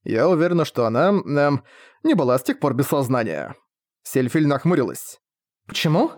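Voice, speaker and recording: A man's voice: mid-range voice, big pitch swings, moderate pace, a little mellow. A man reading a first-person fantasy novel aloud, with a wry, sarcastic narrating manner. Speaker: audiobook reader.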